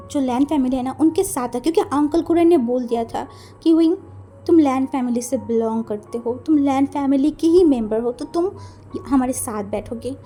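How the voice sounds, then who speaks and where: A woman's voice: high-pitched, mellow. A woman casually narrating a romance fan story, mixing in English words and acting out the dialogue. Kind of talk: narrating fan fiction, voicing characters in dialogue.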